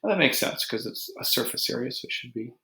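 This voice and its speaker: Gravelly-voiced man teaching math. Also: medium pitch, fast. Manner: relaxed, joking, talks while drawing on a board. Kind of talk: recorded math lesson. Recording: echoey room.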